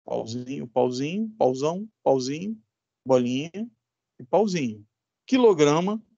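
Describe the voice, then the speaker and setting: A man's voice: on the high side, lively intonation, measured pace, no room sound, dull audio. A man teaching an electronics class with a Brazilian Portuguese accent, emphatic and repetitive, asking his students rhetorical questions. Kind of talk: recorded classroom lesson.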